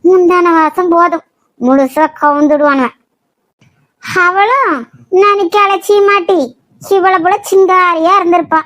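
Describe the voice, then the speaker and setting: A sneering old village grandmother, voiced by a woman, talks down at her grandson in a cartoon. Her voice sits very high and stretches each insult slowly and with scorn. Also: a bit bright, dry recording. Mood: scornful. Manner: sneering, drawn-out taunts. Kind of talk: cartoon voice acting.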